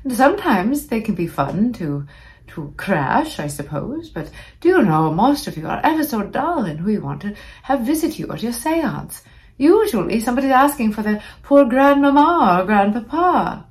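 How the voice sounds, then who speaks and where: A woman's voice: fairly high pitch, big pitch swings, normal speed. A vain phantom starlet of old Hollywood, holds court on a comic podcast. She is theatrical and arch, with the campy grandness of a drag queen. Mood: gossipy, grand. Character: campy vain old-time Hollywood movie-star ghost, female. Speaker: podcast host. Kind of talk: comic in-character podcast monologue.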